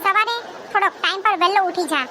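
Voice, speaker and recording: A woman's voice: very high voice, quick pace, bright, forceful tone, a faint crowd. A woman playing a bossy, scolding cartoon wife. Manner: scolding, taunting. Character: bossy sharp-tongued young wife. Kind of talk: cartoon voice acting. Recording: noisy background hiss.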